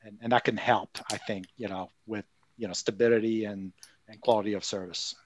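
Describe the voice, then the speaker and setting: A man's voice: on the low side, fairly even intonation, brisk. A man from France, a guest explaining tech ideas in a hesitant way full of "you know". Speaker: guest speaker. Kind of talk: casual tech interview chat.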